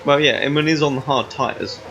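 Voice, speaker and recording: A man's voice: fairly high pitch, steady tone, a little fast, a bit bright, dull audio, slight background noise. A man commentating a sim race in a casual, bantering way, often correcting himself. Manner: chatty, self-correcting, bantering. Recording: music playing behind.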